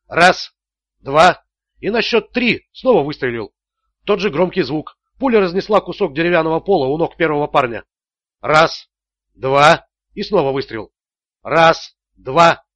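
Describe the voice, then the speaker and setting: A man narrating a thriller audiobook in a steady, measured way. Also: on the high side, no room sound, highs cut off.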